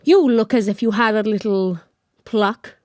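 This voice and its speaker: A woman's voice: mid-range voice, unhurried, a little mellow, no room sound, studio quality, close to an everyday voice. A woman playing an imperious, bullying pirate captain in an audio drama, with archaic, commanding talk. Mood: menacing, commanding.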